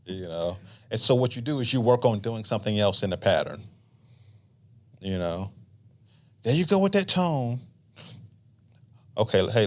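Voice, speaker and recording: Middle-aged male counselor, lowish pitch, easygoing explainer who mimics couples mid-story. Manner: relaxed, explanatory, acts out couples' lines. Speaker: marriage counselor, podcast guest. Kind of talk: casual podcast conversation.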